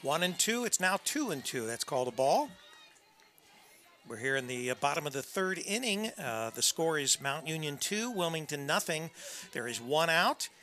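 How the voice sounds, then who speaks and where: A man giving conversational, unscripted play-by-play softball commentary with folksy asides. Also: a little high, very animated, normal speed. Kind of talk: unscripted live sports commentary. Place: press box at a college softball field.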